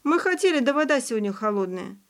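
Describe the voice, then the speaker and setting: A woman reading the lines of an eager, excitable schoolboy in an audiobook. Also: fairly high pitch, fast, voice pushed up. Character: eager schoolboy boat captain.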